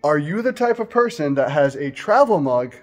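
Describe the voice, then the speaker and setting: A man's voice: fairly high pitch, very animated, normal speed. A man in his forties co-hosting a casual vlog, chatty and curious, laughing easily, filmed on a phone at arm's length in a small room. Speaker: co-host. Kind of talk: casual chat to camera. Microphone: phone camera at arm's length.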